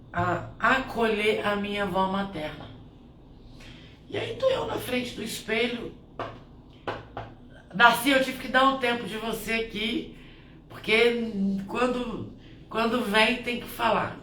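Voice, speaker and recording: A woman's voice: fairly high pitch, animated, a little slow, long pauses, a bit bright. A woman who does spiritual blessings talks through a personal reflection, her thoughts winding and often restarting. She sits back from the microphone, so the room echoes around her voice. A faint hum of ambient noise sits underneath. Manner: heartfelt and rambling, with many restarts. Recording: roomy, distant from the mic, faint ambient noise.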